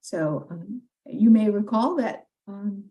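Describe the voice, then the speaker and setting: A woman's voice: medium pitch, slow, dark tone, low-quality recording. A woman on legislative staff explaining education governance to a committee, with frequent fillers. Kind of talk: committee briefing.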